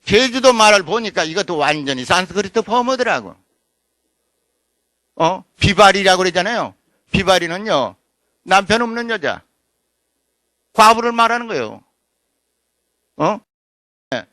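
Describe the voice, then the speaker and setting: A man delivers an academic lecture in a high, sharp voice. He talks emphatically and throws rhetorical questions at the audience. The sound is dry and close, with little room echo. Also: animated, a little slow, long pauses. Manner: writes on a blackboard while lecturing. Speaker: scholar giving a lecture.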